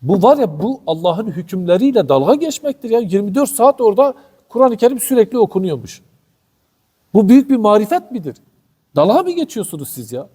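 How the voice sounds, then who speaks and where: A man preaching religious commentary in a fiery, indignant way, firing off rhetorical questions at his listeners. His voice sits high for a man, with a dark, mellow tone. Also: big pitch swings, brisk, breathy edge. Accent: Turkish. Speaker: Quran commentary teacher. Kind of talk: passionate religious commentary talk.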